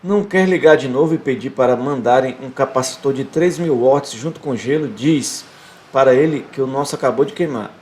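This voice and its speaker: A man voicing a wry, relaxed male lawyer who grumbles and complains. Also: medium pitch, brisk, natural voice. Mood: grumbling.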